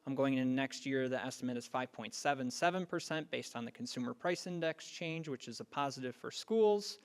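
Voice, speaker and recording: A man giving a finance and audit committee report at a school board meeting, pausing often with ums. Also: medium pitch, clean tone. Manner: hesitant, frequent ums.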